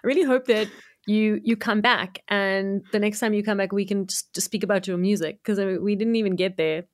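A woman's voice: mid-range voice, fairly even intonation, a little fast. Bubbly woman podcast host. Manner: bubbly, laughs often. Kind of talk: casual interview chat.

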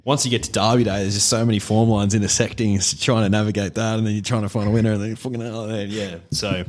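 Low voiced aussie bloke chatting on a podcast, slangy, takes the piss out of himself. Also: male voice, level tone, quick pace, darkish tone. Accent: Australian. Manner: self-deprecating, slangy. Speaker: podcast co-host. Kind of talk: casual chat.

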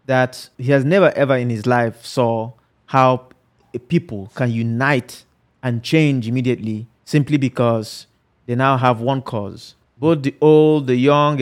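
A man conducts a conversational interview in an engaged, thoughtful way. He builds long reflective questions and retells stories at length. His voice sits at a middle pitch. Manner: engaged, relays anecdotes, frequent listening murmurs.

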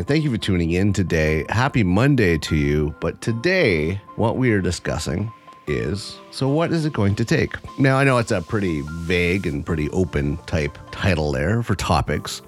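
A man's voice: sits low, very animated, moderate pace, faint music behind. A man of fifty hosting a solo podcast, talking in an earnest, rambling way and repeating his phrases. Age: 50s. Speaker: podcast host.

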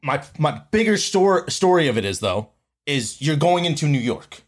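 A young man talks baseball in a loose, swearing, argumentative way. His voice is a little high and swings widely in pitch as he presses his points. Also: moderate pace. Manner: animated, profane, argumentative. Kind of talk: casual sports chat.

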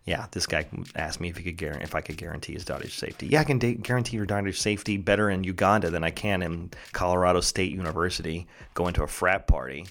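A man with a low, slightly bright voice talks quickly, barely pausing, as he hosts a solo podcast. He rambles from one tangent to the next, cracking sarcastic, crude jokes and occasionally chewing mid-sentence.

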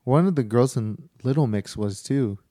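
A man's voice: mid-range voice, moderate pace, warm tone, dry recording, studio quality. A young man chatting casually, laid-back and hesitant, often restarting his sentences. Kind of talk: casual chat.

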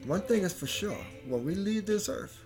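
A man's voice: high-pitched, lively intonation, moderate pace. Guy doing a laid-back faith podcast solo, talks right at you, music going behind him. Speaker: podcast host. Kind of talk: casual spiritual monologue.

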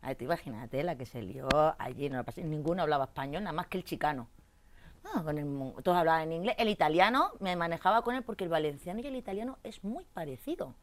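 A woman, an interview guest telling a rowdy story in casual chat, jumping between loud outbursts and low asides. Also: animated, quick pace, a little hiss or hum. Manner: coarse slangy banter. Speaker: interview guest, tattoo artist.

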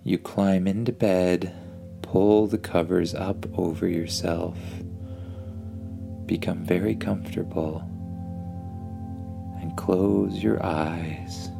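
Low, creaky, soothing male bedtime narrator. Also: fairly even intonation, over music. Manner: soothing, hushed, unhurried. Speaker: storyteller of a children's bedtime story. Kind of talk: scripted bedtime story narration with guided relaxation.

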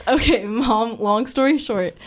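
A young adult woman hosting a casual podcast chat, talking fast and loose with lots of "like" fillers. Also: a little high. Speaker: podcast host.

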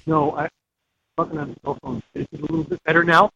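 A man's voice: on the high side, little pitch movement, fast, pushed and bright, slightly rough, no echo. A man calling in to a radio show on a cell phone held away from his mouth, so he sounds muffled and distant. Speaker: caller.

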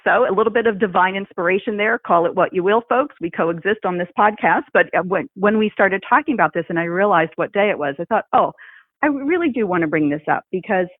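Husky-voiced woman co-host telling lively stories. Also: medium pitch, fast talker, dry recording. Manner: animated storyteller who laughs often. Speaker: podcast co-host. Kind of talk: casual podcast chat. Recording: thin phone-like sound, dry.

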